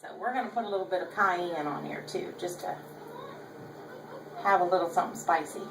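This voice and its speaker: A woman's voice: fairly low pitch, a little fast. Folksy older Southern woman cooking. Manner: chatty, folksy, opinionated. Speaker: cooking show host. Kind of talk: home cooking demonstration. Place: home kitchen. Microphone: camera held by her son. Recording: echoey room, distant camera mic, background noise.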